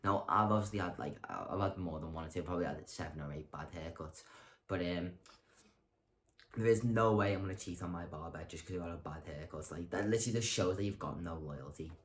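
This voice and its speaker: This casual to-camera monologue comes from a young male vlogger whose low voice moves fairly quickly. His talk wanders, full of ums, false starts, and self-corrections, while his humor stays deadpan and self-deprecating. A little noise hums in the background.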